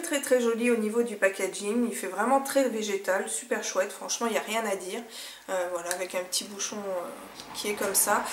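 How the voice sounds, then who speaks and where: A woman's voice: medium pitch, slight background noise. A woman giving a casual product review, chatty and full of hesitations. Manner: chatty, many hesitations and fillers. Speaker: beauty vlogger reviewing a shampoo. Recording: echoey room, mic at a distance.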